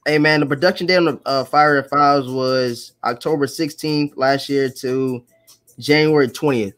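A man's voice: medium pitch, steady tone, normal speed, fairly bright tone. A man in his twenties chatting on a video call, loose and slangy, hesitating with fillers. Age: 20s. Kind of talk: casual group chat on a video call.

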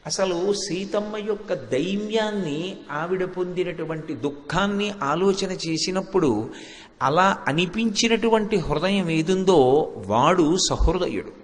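Speaking a little slowly in a high-sitting voice, a spiritual speaker addresses an audience from a stage, telling stories, reciting verses, and driving points home through repetition. The hall is echoey with long reverb.

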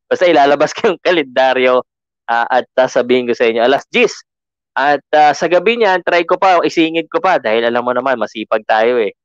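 A man's voice: medium pitch, lively intonation, fairly quick, clear, resonant tone, dry recording, dull audio. A man with a Filipino accent hosting a podcast, talking casually with lots of fillers and restarts. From Philippines. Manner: chatty, code-switching, frequent fillers and restarts. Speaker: podcast host.

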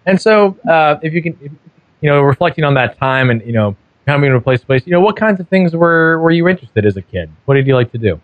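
A man's voice: fairly high pitch, animated, fast, dry recording. Eager male podcast host, stammering questions. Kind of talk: casual interview conversation. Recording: dry, dull lo-fi audio.

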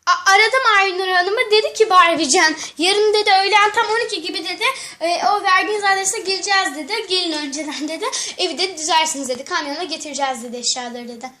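A woman doing a soft, weepy young doll groom, voiced lower than her own high tone. He grumbles and whines through his lines. It is home-made doll play. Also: quick pace, few pauses. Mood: grumbling.

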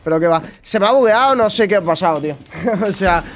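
A man's voice: high-pitched, expressive, brisk. A man with a Spain Spanish accent giving casual, chatty gameplay commentary to his viewers, swearing often. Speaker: gaming streamer.

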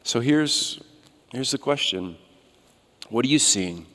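A man in his thirties preaching a sermon on a large church stage, with a long hall reverb trailing his words. He moves from hushed, reflective asides to loud, urgent calls, spoken into a headset mic. His pitch sits in an everyday middle range. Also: animated, slow. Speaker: guest preacher.

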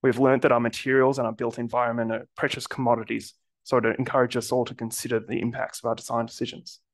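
A man, a structural engineer giving prepared remarks on a panel in a measured way. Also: medium pitch, flat delivery.

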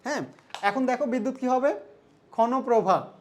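A man's voice: very high voice, normal speed. A young man from Bangladesh walks students through an exam solution lesson. He talks in a loose, conversational way, keeps asking his listeners questions and drops in English terms as he goes. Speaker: teacher.

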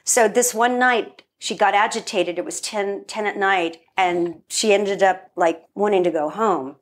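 A woman's voice: medium pitch, unhurried. A middle-aged woman telling a family story in a casual interview, acting out the voices of the people in it. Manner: animated storyteller, acts out quoted voices. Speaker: podcast guest, filmmaker.

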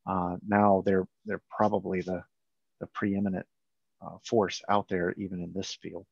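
A man co-hosting a casual webinar over a video call, halting and repeating words as he explains. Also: low-pitched, little pitch movement, creaky, darkish tone, husky, no room sound. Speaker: company founder and co-host. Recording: muffled video call audio.

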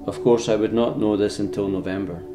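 A man's voice: fairly low pitch, steady tone, a little fast, music in the background. A man in his fifties with a Scottish accent, talking informally as a landscape photography vlogger. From Scotland. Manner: informal, sweary. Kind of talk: casual vlog talk and narration.

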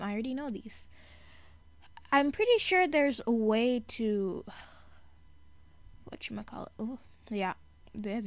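A woman's voice: mid-range voice, no room sound. A young woman talks her way through a gaming session in loose, rambling commentary. She often restarts her sentences and giggles at herself. Her voice sits in the middle of the range and sounds close and dry on a desktop mic. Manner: rambling, chatty, with giggles and self-corrections. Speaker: gaming YouTuber. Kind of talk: casual gameplay commentary.

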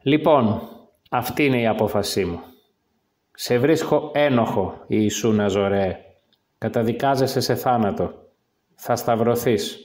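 A man voicing a stern, torn Roman governor in a slow, formal way. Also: medium pitch, close to an everyday voice. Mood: solemn.

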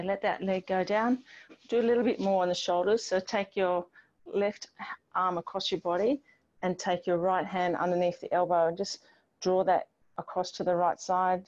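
A woman's voice: fairly low pitch, fairly even intonation, moderate pace, darkish tone. Dull-sounding woman fitness instructor on video call. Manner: encouraging step-by-step cueing while exercising. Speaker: fitness instructor leading an online group class. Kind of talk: exercise class instruction. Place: outdoor home patio with garden wall. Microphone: distant device microphone on a video call. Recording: dull, band-limited video call audio.

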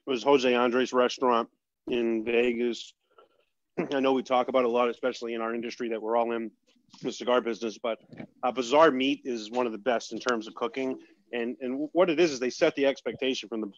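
A man's voice: medium pitch, no room sound, lo-fi sound. A man hosting a casual cooking chat, talking between bites with loose restarts. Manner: chatty, talks while eating, trailing restarts. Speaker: host.

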